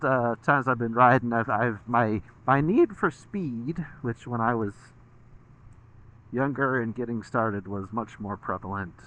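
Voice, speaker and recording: A man's voice: medium pitch, a bit bright, poor audio. An American man from the Midwest chats casually while riding a motorcycle, rambling along and swearing freely as a vlogger.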